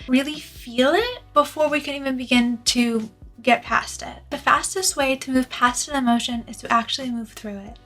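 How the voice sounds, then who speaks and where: Woman, slightly high pitch, self-improvement YouTuber delivery, scripted advice, earnest emphasis on key words, music underneath. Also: pushed and bright. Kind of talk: scripted personal development advice to viewers, productivity YouTuber delivery.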